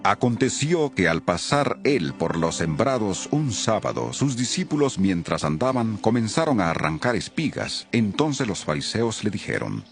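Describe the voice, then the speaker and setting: A man narrating a Bible reading in a solemn, expressive scripted style. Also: on the low side, moderate pace, few pauses, faint music behind.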